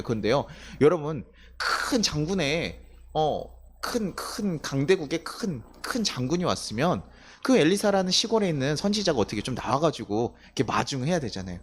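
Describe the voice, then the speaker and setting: A young male pastor preaching a Sunday sermon, telling stories, asking the congregation questions and acting out the voices he quotes. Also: on the high side.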